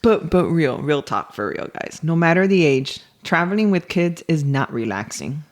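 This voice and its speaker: A woman co-hosting a casual podcast, telling family stories in an animated way and laughing often. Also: low-pitched, normal speed. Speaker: podcast co-host. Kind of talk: casual chat.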